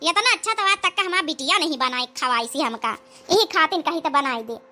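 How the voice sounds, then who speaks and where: In a heavily acted comedy cartoon role, a woman plays a flattering, scheming elderly village mother-in-law with an Awadhi accent. Her wheedling, rustic chatter sits high and runs a little fast.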